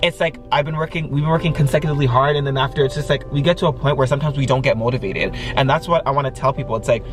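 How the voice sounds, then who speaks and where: A man's voice: mid-range voice, rapid-fire, few pauses. A young adult man vlogging in a candid casual chat, earnest, reassuring and slangy. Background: music.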